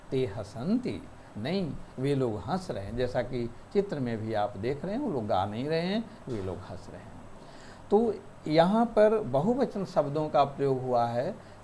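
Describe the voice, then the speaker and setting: A man teaching a school Sanskrit lesson, reading out words and their meanings, spelling syllables slowly. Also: mid-range voice, mellow, slight background noise. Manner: slow, spelling out syllables one by one. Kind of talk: explaining a textbook lesson.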